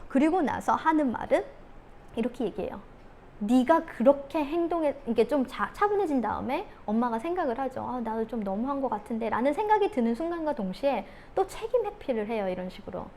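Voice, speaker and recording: A woman giving a talk on parenting, who acts out scolding mothers in sharp outbursts. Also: high-pitched, very animated, a little fast, a little hiss or hum. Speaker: parenting coach.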